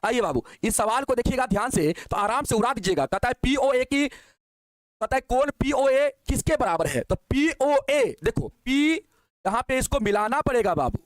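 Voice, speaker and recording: High-voiced coaxing maths teacher. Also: male voice, expressive, no room sound. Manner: coaxing, calls students "babu", asks quick questions. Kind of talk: online exam-prep lesson.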